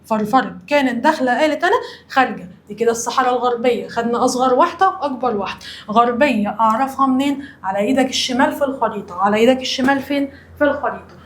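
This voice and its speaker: Brief: high-pitched Egyptian woman teacher, quick drilling delivery, echoey room. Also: a little hiss or hum. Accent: Egyptian Arabic. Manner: repeats questions and answers, uses memory tricks. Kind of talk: primary school lesson with call-and-response drills. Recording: roomy echo, faint ambience.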